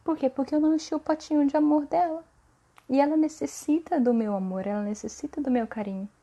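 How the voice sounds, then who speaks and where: A high-pitched woman hosts a casual live stream for mothers. She talks in an earnest, coaching way. She keeps tagging her sentences with a quick "tá?" to check that her listeners are following. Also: warm tone. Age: adult mother. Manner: ends phrases with a questioning "tá?".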